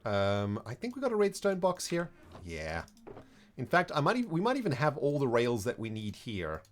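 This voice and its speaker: A man's voice: medium pitch, huge pitch swings, moderate pace, slight background noise. A young man giving live gameplay commentary, mock-exasperated and scolding the characters in his game. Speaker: streamer.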